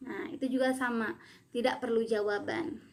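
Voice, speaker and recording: A woman's voice: a little high, steady tone, normal speed. Patient woman teacher explaining grammar. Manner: patient explaining, reads example questions aloud. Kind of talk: remote class lesson.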